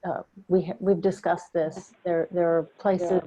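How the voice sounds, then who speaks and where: A woman's voice: on the low side, little pitch movement, a little slow, crowd noise. A woman serving as a town finance officer, answering budget questions in a matter-of-fact way over a video call. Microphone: computer mic on a video call. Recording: dull lo-fi call audio.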